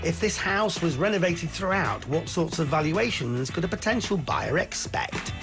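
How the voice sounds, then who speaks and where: Lively male voice-over over music. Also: a little high, moderate pace. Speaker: narrator. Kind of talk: scripted voice-over narration. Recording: voice-over with clear music behind.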